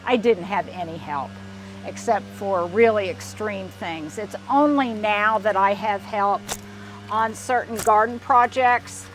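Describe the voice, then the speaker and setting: A woman's voice: on the high side, a little hiss or hum. Chatty older woman touring her garden. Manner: chatty, digressive, restarts often. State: slightly out of breath. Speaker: garden vlogger. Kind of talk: casual garden tour. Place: outdoors in a backyard garden.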